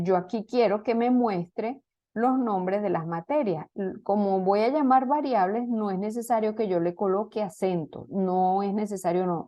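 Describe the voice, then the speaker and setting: A woman's voice: medium pitch, dull audio. Woman, programming teacher, step-by-step explanations, frequent check-in questions. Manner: explains step by step, many fillers and restarts, asks "¿ok?". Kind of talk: online class lecture.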